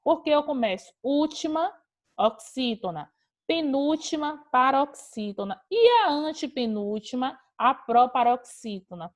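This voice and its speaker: A woman's voice: high voice, lively intonation, measured pace, no room sound. A woman teacher giving an online class, explaining grammar rules step by step. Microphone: video call.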